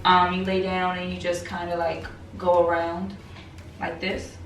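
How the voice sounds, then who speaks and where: A woman's voice: lowish voice, completely flat delivery, a little slow, a bit bright, distant mic, faint music behind. Young woman chatting in an echoey room. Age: young adult. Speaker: friend explaining self-exams. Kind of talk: casual chat.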